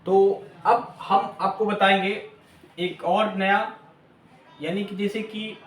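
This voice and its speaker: A man's voice: high voice, little pitch movement, slow, echoey room, slight background noise. A man teaching a lesson, spelling letters out one by one. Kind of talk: classroom lesson.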